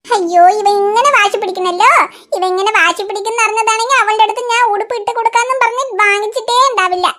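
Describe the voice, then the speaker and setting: A woman puts on a proud, fussy old cartoon grandmother with a piercing high, bright voice. She coaxes, scolds and frets by turns, always sure her dignity is at stake. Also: fast talker. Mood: fretting. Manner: coaxing, scolding, self-pitying. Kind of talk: cartoon voice acting.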